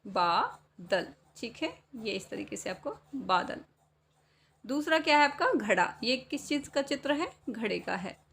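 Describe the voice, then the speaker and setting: A woman's voice: sits high, animated, gravelly, a bit bright, a little hiss or hum. A woman teacher explaining a children's Hindi workbook, asking questions and answering them herself. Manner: slow, patient, asks and answers her own questions.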